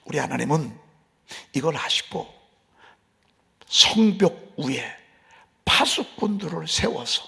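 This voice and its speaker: Male pastor, dramatic dawn sermon, gravelly, sanctuary echo. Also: on the high side, animated, takes it slowly, pauses often, pushed and bright. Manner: dramatic, acts out voices in asides. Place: church sanctuary. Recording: long hall reverb.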